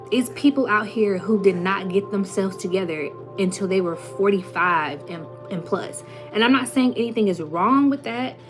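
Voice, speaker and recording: This young woman, a spiritual content creator, addresses her viewers with a medium-pitched voice. Her motivational talk is casual and emphatic, sprinkled with slang and playful impersonations, over soft background music.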